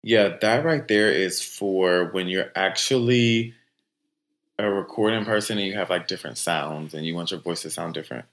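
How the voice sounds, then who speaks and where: A man's voice: low-pitched, fairly bright tone. A man co-hosting a casual podcast in a studio, loose and joking, drawing out his words as he introduces a topic. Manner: loose, joking, drawn-out delivery. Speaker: podcast co-host. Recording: echoey room.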